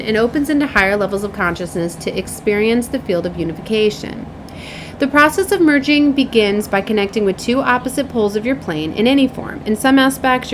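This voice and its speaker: Reading oracle cards aloud as a spiritual card reader, a woman declares their messages in a solemn, mystical manner, with occasional casual asides. Her voice is a little high. Some hiss or hum is audible.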